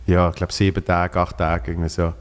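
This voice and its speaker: A man with a Swiss German accent, a comedian guest in casual chat, telling lively anecdotes and acting out the voices of the people in them. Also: low voice, fairly quick, clean tone, long reverb tail. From Switzerland. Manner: lively storyteller, acts out quoted voices.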